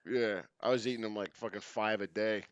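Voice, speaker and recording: A man's voice: on the low side, steady tone, brisk, clear, resonant tone, dry recording. A man hosting a casual podcast chat from a remote mic, laid-back and swearing often, laughing as he talks. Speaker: podcast host. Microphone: remote call mic.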